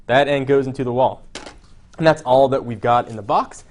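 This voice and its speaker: A man's voice: mid-range voice, normal speed. A young man chatting casually through a phone unboxing, jokey and full of "uh" fillers. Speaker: tech reviewer.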